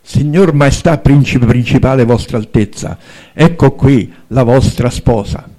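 A man's voice: medium pitch, unhurried, mellow, natural voice. A man playing an old ceremonious vizier. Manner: ceremonious, formal. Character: old stiff-backed court vizier, ceremonious.

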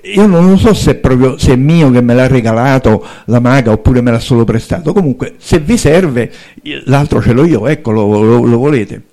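A man's voice: medium pitch, lively intonation, moderate pace, hardly any pauses, dark tone, lightly acted. A man voicing a feisty young princess in a told fairy tale, speaking in indignant, snappy outbursts. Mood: flustered.

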